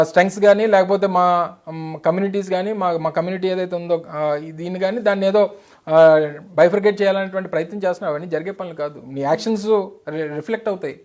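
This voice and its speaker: A man's voice: sits high, a little mellow. A middle-aged man, a party spokesman, answering insistently in a heated political interview. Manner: emphatic, insistent, rapid Telugu-English mix.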